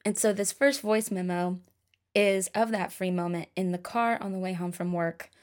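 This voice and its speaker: Young woman, songwriter, casual chat, self-deprecating, a bit low-pitched. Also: fairly even intonation, moderate pace. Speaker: singer-songwriter. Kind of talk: casual talk about songwriting.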